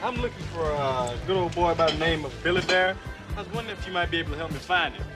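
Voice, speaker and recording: An actor playing a brash, profane street hustler who poses as a cop and mocks the people around him. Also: male voice, fairly high pitch, expressive, fast, lightly acted. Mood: mock friendly. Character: brash fast-talking male street hustler, cocky. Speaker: convict posing as a cop. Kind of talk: 1980s action film acting. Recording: film soundtrack with music behind.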